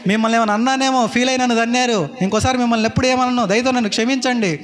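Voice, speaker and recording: A man's voice: very high voice, fairly even intonation, racing, fairly bright tone, pitched above the performer's own voice. A man voicing a drowning young man who desperately pleads to be rescued. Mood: desperate pleading.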